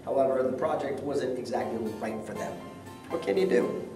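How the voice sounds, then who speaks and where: A forties-aged male documentary host chats upbeat and laughs often as he narrates a casual vlog in various indoor and outdoor places. He speaks at a moderate pace in a mid-range voice, captured by a distant mic in an echoey room over music.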